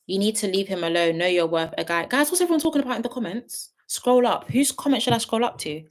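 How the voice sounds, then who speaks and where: A woman's voice: medium pitch, lively intonation, quick pace. A woman in her late twenties chatting casually on a livestream, reading viewer comments and giving frank, big-sister style advice. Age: 20s. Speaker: YouTube host on a livestream.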